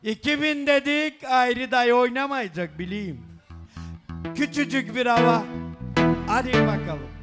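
A man working as a wedding announcer, booming out gifts and sums in drawn-out calls and bantering with guests. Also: lively intonation. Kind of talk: loud festive announcement of gifts, counting sums aloud. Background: celebration music.

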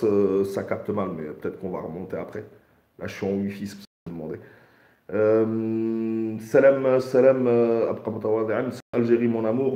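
Greeting his viewers again and again and dropping in Arabic phrases, a thirtysomething livestream host chats informally. His lowish voice is warm in tone, and it echoes as if in a hallway or bare room.

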